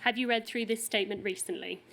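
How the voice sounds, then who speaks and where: A woman's voice: on the high side, steady tone, fast, a bit bright, slight background noise. A woman with a Northern Irish accent, questioning a witness at a formal hearing in a polite, methodical way. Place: inquiry hearing room.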